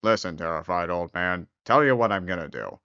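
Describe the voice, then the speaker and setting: A performer voicing a big hairy male beast with a werewolf-like growl, sly and smooth-talking, in a storybook tale. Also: sits low, expressive, a little fast, sharp tone, no echo, lo-fi sound, pitched below the performer's own voice, heavily acted. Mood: sly, chummy.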